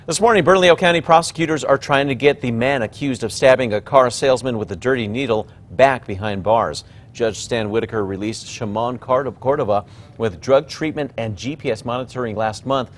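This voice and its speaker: A man's voice: mid-range voice, brisk, slight background noise. A man anchoring television news, reading scripted stories.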